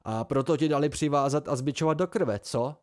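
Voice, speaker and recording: Reading an amateur audiobook in a slightly high, everyday-sounding voice, a man plays a seasoned, dry-witted character. That character lectures his younger friends wryly.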